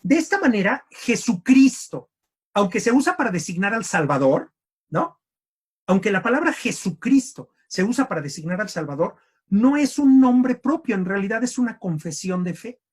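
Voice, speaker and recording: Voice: medium pitch, big pitch swings, normal speed, breathy edge. A theology teacher gives an online lecture, repeating and rephrasing points and often checking in with the listeners. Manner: keeps checking in with "¿sí?" and "¿no?".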